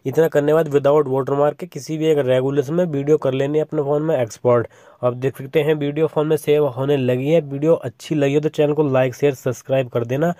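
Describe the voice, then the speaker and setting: Over a screen recording of his phone, a young tutorial host gives steady, step-by-step directions, saying "simple" again and again. He speaks briskly at a fairly high pitch, and the studio sound is clean with no echo.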